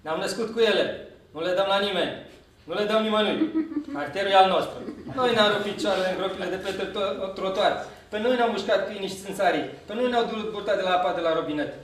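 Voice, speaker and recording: A man giving a live reading of his poetry to an audience, in a dry, deadpan manner. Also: high voice, a little hiss or hum. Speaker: poet reading his work. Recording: very echoey hall, voice from far off.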